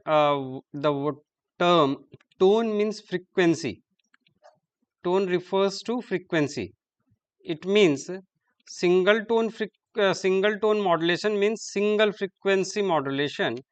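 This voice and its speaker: A man's voice: sits high, smooth, highs cut off. Man lecturing. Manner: halting, repeats terms while writing on board. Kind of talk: classroom lecture.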